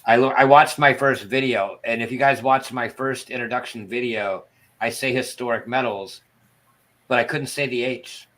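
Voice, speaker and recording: A man's voice: medium pitch, normal speed, hardly any pauses, fairly bright tone. A man chatting casually on a livestream in a self-deprecating, storytelling way, with a lisp and whistling s sounds from missing front teeth. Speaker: livestream participant and former broadcaster.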